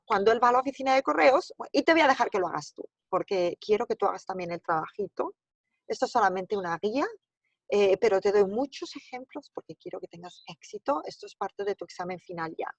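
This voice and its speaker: A woman's voice: medium pitch, no room sound. A woman, a native speaker, teaching a recorded homework lesson, thinking aloud and checking in with her students as she works through each step. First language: Spanish. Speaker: Spanish teacher.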